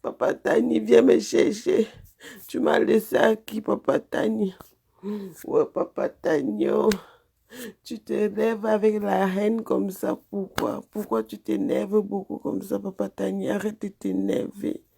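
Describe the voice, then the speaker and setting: A woman with a Cameroonian French accent talks animatedly in a casual vlog. She teases and repeats phrases in a sing-song way, and her voice has a gravelly edge. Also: medium pitch, a little slow, dark tone. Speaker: vlogger. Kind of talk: casual chat.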